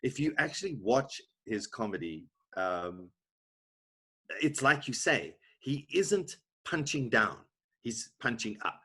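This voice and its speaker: A man's voice: mid-range voice, big pitch swings, slow pace, a bit bright, breathy edge. A South African man hosting a podcast over a video call, earnestly searching for the right words. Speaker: podcast host. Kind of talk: podcast conversation.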